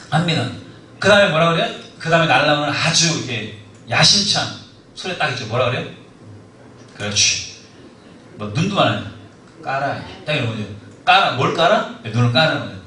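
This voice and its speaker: A man's voice: fairly high pitch, far from the mic, slight background noise. A man preaching a sermon in a church hall, telling stories and acting out the quoted lines. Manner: animated storytelling, acts out quoted lines. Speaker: preacher at a discipleship school. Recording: echoey hall, mic from afar.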